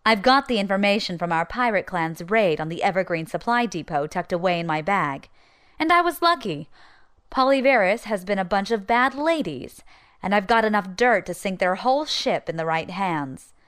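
A woman's voice: medium pitch, lively intonation, moderate pace, fairly bright tone, clear, resonant tone, lightly acted. An actress playing a wry, determined young pirate reading out her journal in an audio drama. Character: bold young woman pirate informant, nervous but determined.

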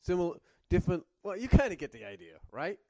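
A man's voice: high voice, big pitch swings, fast talker, warm tone, no room sound. A man reviewing cartoons in casual commentary, rambling and circling back to rephrase, coughing now and then with a cough drop in his mouth.

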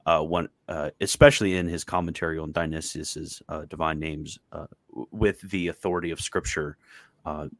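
A man with a very low voice hosts a casual livestream chat over a video call. He thinks aloud, often restarting his sentences. His sound is close and dry, with no room around it. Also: no room sound. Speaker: host.

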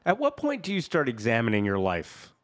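A man's voice: mid-range voice, huge pitch swings, brisk. A man hosting a casual podcast interview who chimes in with quips. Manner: laughs along, chimes in with quips. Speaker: podcast host.

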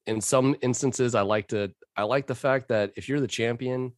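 A man's voice: medium pitch, fairly even intonation, moderate pace, no echo, clean studio sound. A man co-hosting a casual sports podcast, joking and swearing freely. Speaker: podcast co-host. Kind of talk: casual chat.

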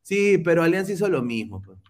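A man's voice: a little high, very animated, a little fast. A man hosting a football podcast in casual chat, teasing rival fans as he reads viewer comments. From Peru. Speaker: podcast host.

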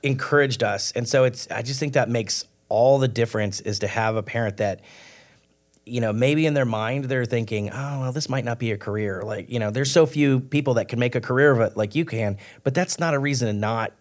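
Man, podcast host, chatty, enthusiastic, mid-pitched voice. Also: brisk. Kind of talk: casual podcast chat.

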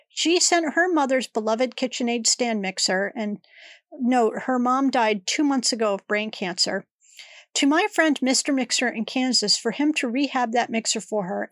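A middle-aged woman, congested, delivers a rambling, personal, chatty solo monologue on the podcast she hosts. She speaks at a fairly high pitch, in clean studio sound with no echo.

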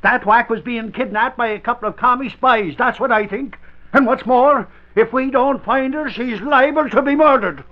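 An indignant, stubborn tough guy from an old radio play. He pitches high, blusters and talks in folksy slang. The recording is dull and vintage. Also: normal speed. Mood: worked up. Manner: blustery, colloquial. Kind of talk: old-time radio drama acting.

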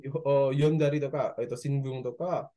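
Man with mellow Japanese. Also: medium pitch, steady tone, normal speed. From Indonesia. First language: Indonesian. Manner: speaks Japanese as a second language with hesitant fillers and self-corrections. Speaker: guest, nurse. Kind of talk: casual interview chat.

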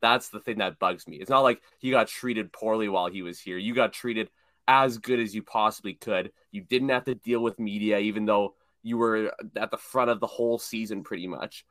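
A young man co-hosting a casual sports podcast, talking in an animated, opinionated way and repeating words when he gets worked up. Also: fairly low pitch, moderate pace, no echo, studio quality. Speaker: podcast co-host.

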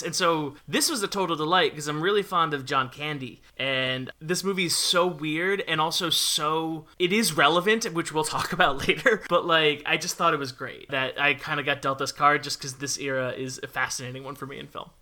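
A man's voice: fairly high pitch, sharp tone. A man appearing as a guest on a film podcast, speaking enthusiastically but with hesitant restarts. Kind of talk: casual film podcast chat.

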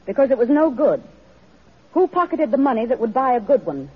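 On a muffled vintage radio recording with music behind her, an actress plays a principled, determined social reformer. Her voice is on the high side, very animated, brisk and slightly rough, and she speaks earnestly, firmly and declaratively with righteous conviction.

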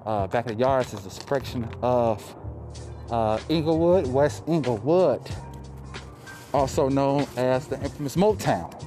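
A man's voice: mid-range voice, lively intonation, a little slow, mellow. A man hosting a casual motivational podcast, swearing and repeating himself for emphasis, his speech slightly muffled by a face mask. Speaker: podcast host. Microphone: close podcast mic, spoken through a mask. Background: music.

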